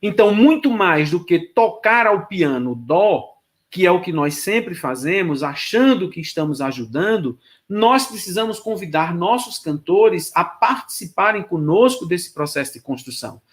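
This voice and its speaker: A man with a fairly high speaking voice lectures on choral rehearsal. He explains exercises in an instructive tone and sings solfège syllables to demonstrate them. He speaks directly to the students. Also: very animated, moderate pace, a bit bright.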